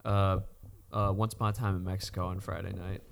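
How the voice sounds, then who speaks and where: A man's voice: low-pitched, level tone, fairly quick, creaky, a little hiss or hum. A man chatting casually, laid-back and blunt with his opinions. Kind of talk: casual chat.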